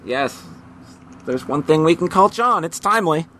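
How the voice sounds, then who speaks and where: A man chats as a podcast host, his voice bright and pitched a little high. He rambles loosely, filling gaps with ums and dropping casual swear words. A faint noise sits under the recording. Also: expressive, normal speed.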